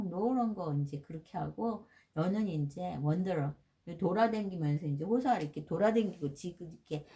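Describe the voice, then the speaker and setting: A middle-aged woman leads an informal Bible lesson in a mellow, relaxed voice. She talks conversationally, keeps asking her listeners questions, and slips English words in now and then. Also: on the low side. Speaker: Bible study teacher. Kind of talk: casual Bible lecture.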